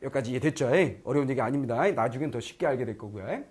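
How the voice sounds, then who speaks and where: A man's voice: medium pitch, racing, slightly rough. A middle-aged man teaching Korean grammar in an online lecture, often asking if students follow and acting out learners' lines. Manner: lively, keeps checking students understand; acts out foreign learners' lines in quoted voices.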